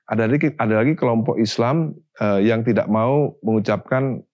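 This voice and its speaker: Animated man. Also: mid-range voice, moderate pace. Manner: animated, pushy, hesitant with fillers. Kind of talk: casual panel discussion. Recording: slightly dull sound.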